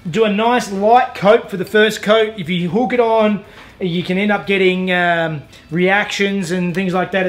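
In his garage workshop, a high-pitched Australian man in his thirties demonstrates car body repair, hosting a DIY tutorial that's hands-on with voice-over and captured on a lapel mic. He keeps a relaxed, practical, self-deprecating tone and uses many "uh" fillers.

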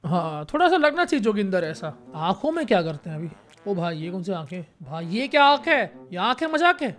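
An excitable young man with a strikingly high voice chats through a game in casual, joking commentary. He fires off phrases in quick bursts and repeats them, like a gaming YouTuber riffing for his viewers.

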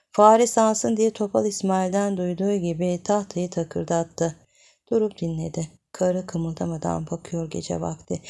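A woman narrating a literary audiobook in a measured, expressive storytelling manner. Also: lowish voice, gravelly.

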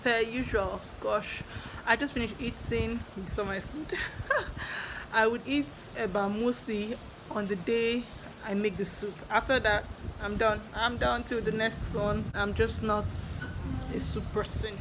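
A young adult woman with a Nigerian accent, chatting excitedly in a home video blog and often repeating herself. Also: on the high side, measured pace, background noise. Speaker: vlogger. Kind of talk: casual chat.

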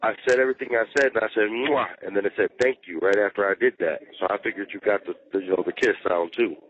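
A man chats over a prison phone call, his low voice squeezed thin and tinny by the line. He tells long stories in slangy, cussing street talk, laying it on casually. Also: fast. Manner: profane, storytelling, slangy. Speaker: jail inmate on a phone call.

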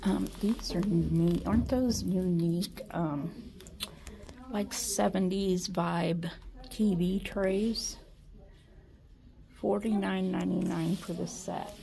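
Speaking slowly in a fairly low, steady, dark voice with vocal fry, a Midwestern American woman chats casually as she shops. She often falls to a whisper, and the shop-with-me vlog is filmed on a handheld phone in a large indoor store.

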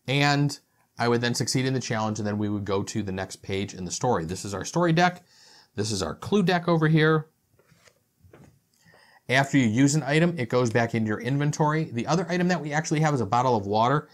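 A man casually explaining a board game's rules step by step and reading its story aloud, with frequent ums. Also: mid-range voice. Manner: casual, methodical, with filler ums. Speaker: board game video host.

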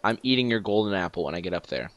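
A man's voice: low-pitched, rapid-fire, dry recording. Teen guy rambling through a game, lots of ums, kinda muffled dry mic. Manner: rambling, excitable, lots of fillers and restarts. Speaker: gaming channel host. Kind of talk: casual Minecraft let's play chat.

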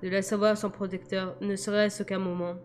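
A woman reading a novel aloud in a measured, quiet first-person narration. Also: mid-range voice, flat delivery, soft background music. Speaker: audiobook reader.

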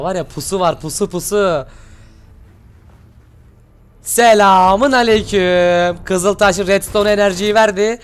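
A man hosting his channel, giving excited reaction commentary and shouting at the screen in casual slang. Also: sits high. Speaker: channel host reacting to an animation.

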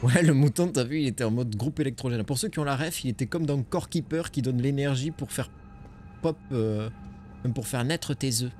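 A man with a French accent commenting casually on a game stream, excitable and swearing, joking with his chat. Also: medium pitch, normal speed, slight background noise. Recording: music behind voice.

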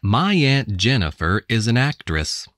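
An American woman reading English textbook passages aloud with careful, deliberate enunciation. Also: rumbling low, sing-song, dry recording, studio quality. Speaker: English text reader. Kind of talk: slow scripted textbook reading.

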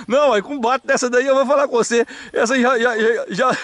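A man with a Brazilian caipira country accent giving casual, excited, jokey fishing commentary outdoors from behind a handheld camera. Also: extremely high pitch, normal speed, no room sound. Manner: animated, jokey, exclamatory. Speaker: vlog host and cameraman. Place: open hillside pasture by ponds, outdoors.

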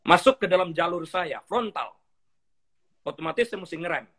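A man's voice: sits high, animated, moderate pace, fairly bright tone, slightly rough. A middle-aged man, a pastor, teaching in conversation, telling stories animatedly and acting out dialogues, with English phrases mixed in.

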